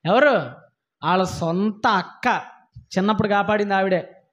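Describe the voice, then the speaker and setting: A man with a high, lifted voice preaches a sermon. He scolds his listeners and hammers them with repeated rhetorical questions. The recording sounds dull and lo-fi. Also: normal speed, fairly bright tone. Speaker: pastor.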